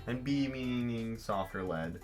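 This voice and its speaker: A man's voice: medium pitch, measured pace, soft background music. A man co-hosting a casual drawing tutorial, talking in a rambling, playful way and often correcting himself. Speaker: art show co-host.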